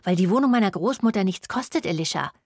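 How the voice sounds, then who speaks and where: A woman's voice: medium pitch, expressive, quick pace, dry recording, clean studio sound. A woman voicing a broke young student who whines and snaps back defensively. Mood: whiny. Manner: whiny, defensive.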